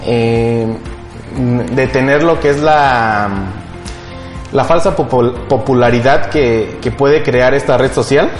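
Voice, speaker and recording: A young man with a Mexican accent, explaining tech news as a co-host in a casual chat, hesitant and often pausing mid-phrase. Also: mid-range voice. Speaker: podcast co-host. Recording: roomy echo, background music.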